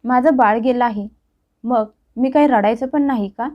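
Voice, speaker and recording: A woman's voice: a little high, moderate pace, highs cut off, close to an everyday voice. Woman reading as a wronged young wife. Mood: pleading. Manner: pleading, upset.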